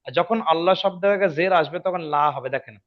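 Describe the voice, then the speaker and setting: A man teaching Quran reading rules in an online lesson, patiently repeating each rule and checking if his students follow. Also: high-pitched. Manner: slows down and drawls when demonstrating recitation. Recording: dull lo-fi audio.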